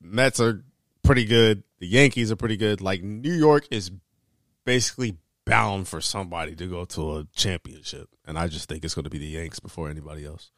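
Deep-voiced, slangy man hosting casually. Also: brisk, a bit bright, dry recording. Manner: slangy, profane, rambling. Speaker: podcast host. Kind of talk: casual chat.

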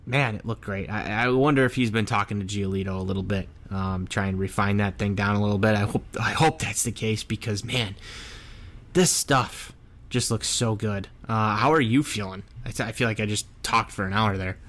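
A man's voice: lowish voice, moderate pace, a bit bright. A man co-hosting a sports podcast, giving casual, chatty and earnest fan commentary.

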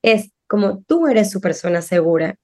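This is a medium-pitched woman speaking at a moderate pace, a middle-aged guest discussing parenting on a podcast. The talk is casual, and she animatedly acts out what quoted parents and children say.

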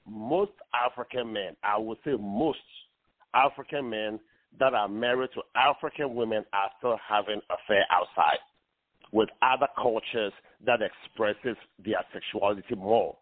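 A man's voice: on the low side, a little slow, no room sound. Ghanaian-born man calling in by phone. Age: 40s. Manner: earnest, hesitant with many fillers. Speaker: caller. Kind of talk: call-in radio talk. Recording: tinny phone line.

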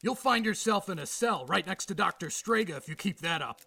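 Gravelly, high-strung old-time police boss. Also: male voice, expressive, fairly quick, pushed and bright, no room sound, full character voice. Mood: sceptical, stern. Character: exasperated, sceptical veteran police boss barking orders. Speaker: police commander. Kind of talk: audio drama acting.

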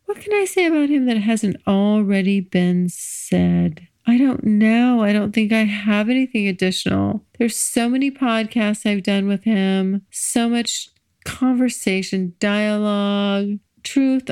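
A woman hosts a confessional solo podcast in a clear, smooth voice. She sounds drowsy and speaks slowly, stretching out words in a low-key, unhurried way. The talk is casual and personal. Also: a little mellow, dry recording. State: sleepy, drowsy. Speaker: podcast host.

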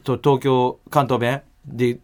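A man in his forties with a Kansai accent, co-hosting a radio comedy show, animated and breaking into loud comic outbursts. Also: mid-range voice, slow. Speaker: radio comedy duo host. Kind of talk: casual radio banter.

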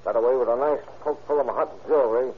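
A man's voice: medium pitch, fast talker, lightly acted. An actor playing a weary, sullen hobo crook with slangy tough-guy talk in a 1930s radio drama. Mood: weary, bitter. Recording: muffled, noisy 1930s radio recording.

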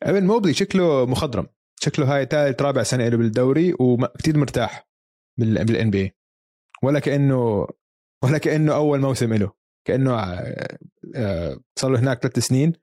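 Male sports co-host, Levantine Arabic accent, quick casual delivery, English jargon mixed in, dry close sound. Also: medium pitch, expressive, warm tone, no echo. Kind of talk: casual basketball chat.

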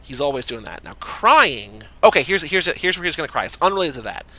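A man hosting a casual movie podcast, running games and spinning quick, rambling, jokey predictions. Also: fairly high pitch, very animated, pushed and bright, no room sound, rough recording. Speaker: podcast host. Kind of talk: casual chat.

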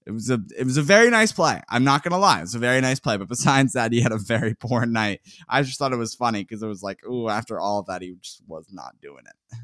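A man's voice: medium pitch, lively intonation, fast talker, a bit bright, dry recording. Casting: male sports podcast co-host, chatty, laughs often, dry close-mic sound. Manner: chatty, laughs often, reads player lists. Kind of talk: casual sports podcast recap.

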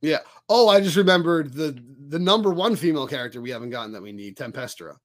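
A man co-hosts a casual fan podcast in a slightly higher voice. He talks in an animated, rambling way and drops the odd swear word. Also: fast talker. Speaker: podcast co-host. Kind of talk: casual chat.

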